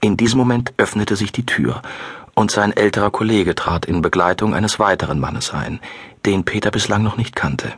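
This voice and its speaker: A male narrator reads a suspense audiobook with a low voice. His tone is husky, the delivery measured and steady. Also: no echo, clean studio sound. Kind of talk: scripted narration.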